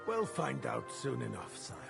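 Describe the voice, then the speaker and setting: Scornful loyal lord, game drama. Blunt, intensely gravelly, music underneath. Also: male voice, medium pitch, big pitch swings, unhurried, heavily acted. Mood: cold, assured. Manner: blunt, contemptuous. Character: harsh, scornful male lord, loyal to his king.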